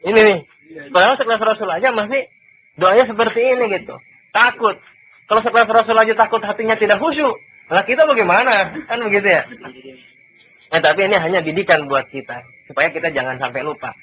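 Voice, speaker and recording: High, bright-voiced man teaching religion. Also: fairly quick. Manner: conversational, rhetorical questions and tag questions. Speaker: Islamic teacher (ustadz). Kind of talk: informal religious lecture, reading and explaining a classical Arabic text. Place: religious study gathering. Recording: muffled, noisy old amateur recording.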